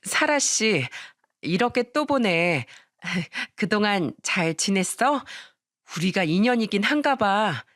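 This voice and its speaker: A woman's voice: medium pitch, big pitch swings, normal speed, fairly bright tone, dry recording, clean studio sound. A woman voicing a shameless, smug female team leader who was once the narrator's boss.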